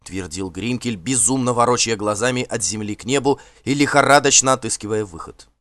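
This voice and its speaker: A man narrating an audiobook in a measured, expressive reading. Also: medium pitch, dry recording.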